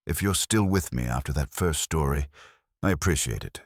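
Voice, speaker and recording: Posing as a trucker, a man with an extremely low voice narrates a horror story in the first person. His delivery is grave, suspenseful and animated at a moderate pace, with intonation that moves a good deal. The dry, close recording has a slightly rough, unpolished edge.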